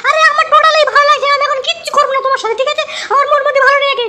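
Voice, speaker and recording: A woman's voice: very high-pitched, fairly even intonation, very fast, pushed and bright, a little hiss or hum. A woman playing an indignant middle-aged mother-in-law in a comic audio drama, scolding and fed up. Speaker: mother-in-law visiting her daughter's home.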